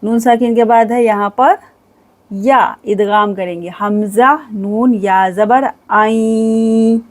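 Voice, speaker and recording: A woman teaching Quran recitation rules, reciting each phrase slowly and drawn out, then explaining each rule in quick, patient instructions. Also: fairly high pitch, fairly even intonation. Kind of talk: tajweed lesson, recitation with explanation.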